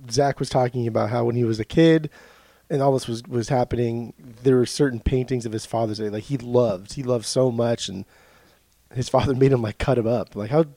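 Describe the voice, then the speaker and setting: A man's voice: mid-range voice, fairly even intonation, brisk, mellow, no echo. A man co-hosting a casual music podcast, talking in an easygoing, reflective way. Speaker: podcast co-host.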